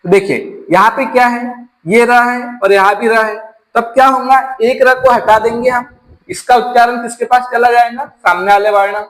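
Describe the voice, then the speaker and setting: High-voiced man teaching exam grammar. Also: fairly even intonation, moderate pace, a bit bright, poor audio. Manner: explains step by step, asks the class rhetorical questions. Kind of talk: exam-prep Hindi grammar lesson.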